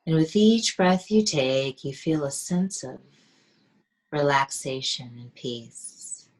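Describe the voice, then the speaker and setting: A woman leading a guided meditation in a soft, soothing, half-whispered voice. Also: deep voice, expressive, takes it slowly, poor audio.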